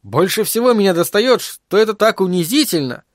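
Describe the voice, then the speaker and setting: A man's voice: high-pitched, animated, fairly quick, no echo, studio quality, pitched above the performer's own voice. A man voicing a tired, gloomy adult man who speaks plainly in an audiobook. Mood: weary. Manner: weary, plain-spoken.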